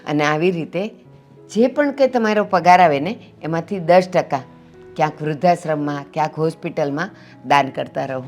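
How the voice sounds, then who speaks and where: An actress playing a kind older mother-in-law who gently gives advice, in a short drama. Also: sits low, normal speed, soft background music, natural voice. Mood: gentle. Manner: gentle, advising.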